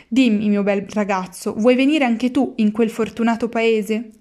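A woman voicing a plump, sweet little cart driver with a soft, caressing, wheedling manner. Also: fairly high pitch, fairly even intonation, unhurried, close to an everyday voice. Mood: sugary.

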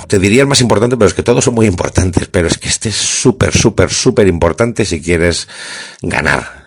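A man's voice: low-pitched, husky. A man, hosting a podcast in a chatty way and repeating words for emphasis. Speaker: podcast host. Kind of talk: casual podcast talk.

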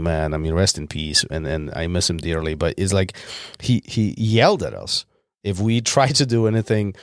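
A man's voice: sits low, darkish tone, dry recording, clean studio sound. A man co-hosting a podcast, talking in an earnest, rambling way with frequent restarts and fillers. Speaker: podcast co-host. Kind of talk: casual podcast chat.

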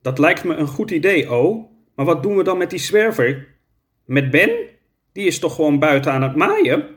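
A man voicing an excitable, boastful young girl in a children's story read aloud. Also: a little high, moderate pace. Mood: grumbling. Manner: exclamatory, boastful. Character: bold, excitable young girl, bit of a show-off.

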